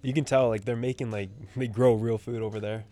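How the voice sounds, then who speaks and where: A young man from Canada co-hosting a podcast, telling stories quickly in a casual, laughing way. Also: mid-range voice, steady tone, dark tone, soft background music. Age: young adult. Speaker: podcast co-host. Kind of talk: casual chat.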